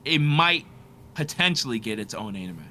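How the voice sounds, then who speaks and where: A man's voice: mid-range voice, big pitch swings, normal speed, bright, forceful tone, a little hiss or hum. A man hosting a casual podcast chat, talking in easy slang with frequent laughs and reading an article aloud with stumbles. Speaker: podcast host.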